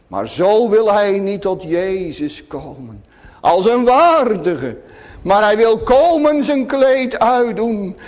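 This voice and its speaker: A man preaching a sermon to his congregation, solemn and emphatic, often dropping to hushed tones. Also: sits high. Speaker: pastor. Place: church. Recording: long church reverb.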